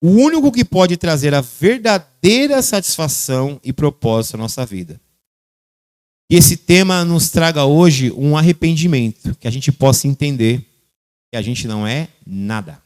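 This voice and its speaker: A man, a pastor preaching a sermon and calling on church members by name, shifting between loud and quiet. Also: fairly high pitch, expressive, moderate pace, dry recording. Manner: addresses congregation members by name.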